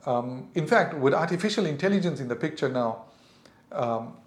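This podcast host, a middle-aged South African man, delivers a reflective monologue of earnest parenting advice at a moderate pace. His mid-range voice is animated, and the sound is roomy.

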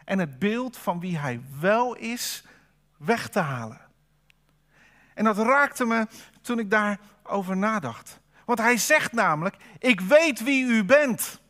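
A man's voice: sits high, lively intonation, takes it slowly, long pauses, bright, forceful tone. A man preaching a sermon at a church service, in a conversational way, asking the congregation rhetorical questions.

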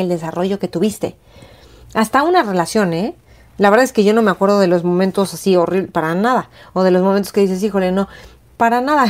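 A woman, hosting a motivational talk and acting out the inner voices she describes. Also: medium pitch. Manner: expressive, acts out inner voices. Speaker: host.

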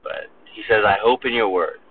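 Earnest male pastor preaching, lowish voice, faint hiss behind. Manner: earnest, emphatic, slows down on key words. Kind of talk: sermon. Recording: distant phone-like recording with faint noise.

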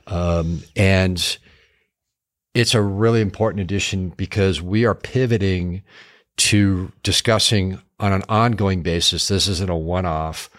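A man's voice: low voice, fairly even intonation, a little slow, no echo, clean studio sound. A middle-aged man hosting a casual local news chat show, upbeat and jokey, with frequent ums. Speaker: show host.

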